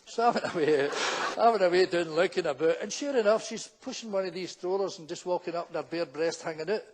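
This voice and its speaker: A man with a Glaswegian accent, a stand-up comedian telling stories live in a brisk, anecdotal way and acting out the characters. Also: sits high.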